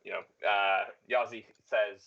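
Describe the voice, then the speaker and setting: A man running a tabletop game as game master, narrating in a relaxed, hesitant way, on a dull lo-fi recording. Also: lowish voice, measured pace.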